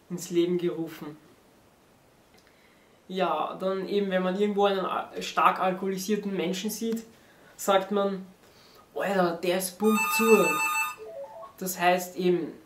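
Young male explainer, unhurried and halting, recorded at a distance in an echoey room. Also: sits high. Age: teenager to young adult. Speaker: presenter explaining dialect words. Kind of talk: informal explainer to camera. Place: small home room indoors, on a sofa. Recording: roomy, distant from the microphone.

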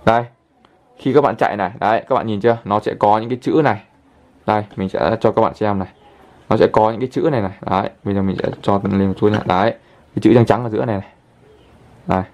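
Low-voiced man talking through a tutorial. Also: a little mellow. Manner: chatty, fills pauses with constant "đấy" and "đây". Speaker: channel host, tutorial presenter. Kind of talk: casual screen-recorded app tutorial.

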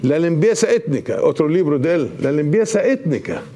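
A man, speaking as an ambassador guest in a TV studio, impassioned and halting with restarts. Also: a little high, very animated, mellow. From Palestine. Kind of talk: TV studio interview. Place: TV news studio.

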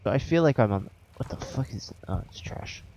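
A man's voice: medium pitch, expressive, moderate pace, dark tone. A man with an accent commentating his own horror game play, swearing and joking as he talks to the game. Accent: non-standard, says he has an accent. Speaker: gameplay commentator.

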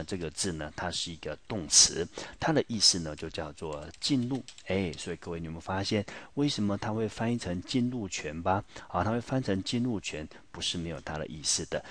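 Deep-voiced Taiwanese Mandarin teacher explaining. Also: male voice. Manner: patient explaining, asks students rhetorical questions. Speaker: high school English teacher. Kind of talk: classroom vocabulary lesson.

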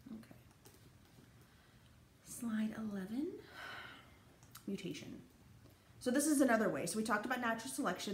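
A young woman giving a casual, rambling college lecture over slides, full of fillers and restarts. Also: fairly low pitch. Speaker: college anthropology instructor. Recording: echoey room, faint background noise.

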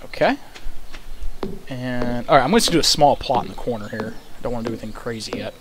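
A man's voice: medium pitch, animated, fast, noisy background. A young man giving casual, rambling gameplay commentary, thinking aloud and swearing casually. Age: young adult. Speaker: let's play host. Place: small room at home, indoors. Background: video game music.

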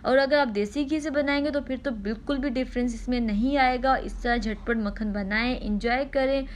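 Here a cooking channel host, a woman with a high voice, patiently takes viewers through a recipe at home, step by step. She says things more than once and drops frequent "ah" pauses, with a faint noise floor underneath.

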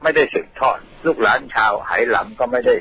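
A man's voice: mid-range voice, fairly quick, bright, forceful tone, a little hiss or hum, low-quality recording. A man from Thailand, a radio guest patiently explaining things in a studio, telling them like a story.

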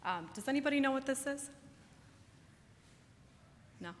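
A woman's voice: high voice, lively intonation, a little slow. A woman giving a medical conference lecture in a conversational way, putting questions to her listeners. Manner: conversational, engages audience with questions. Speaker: medical researcher presenting. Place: large indoor presentation room. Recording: reverberant hall, clear background noise.

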